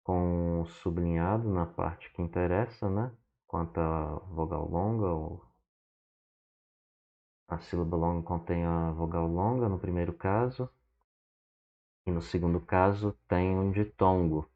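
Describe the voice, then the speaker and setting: A man teaching from slides who explains slowly, checks in with "né?" and spells words out one syllable at a time. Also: sits low, steady tone. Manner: explains slowly and often adds "né?". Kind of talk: slide lesson. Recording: dull lo-fi recording.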